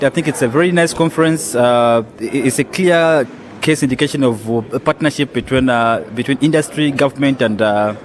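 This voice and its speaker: A young man, a student volunteer, giving a hesitant interview statement full of fillers. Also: mid-range voice. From Zambia.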